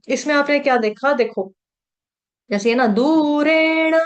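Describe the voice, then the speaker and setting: A woman teaching a devotional scripture class, slowly chanting Sanskrit verses and patiently explaining how to pronounce them. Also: a little high.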